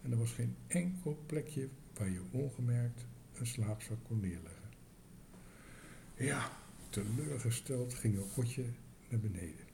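Gravelly, lively male storyteller. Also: medium pitch, unhurried, background noise. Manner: lively, expressive reading. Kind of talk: children's story reading.

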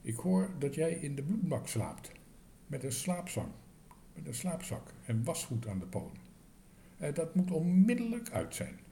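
A man's voice: a little high, sing-song, a little slow, mellow, a little hiss or hum, pitched above the performer's own voice. A man voicing a sleepy, fussy hotel desk clerk who speaks in pompous, raised tones.

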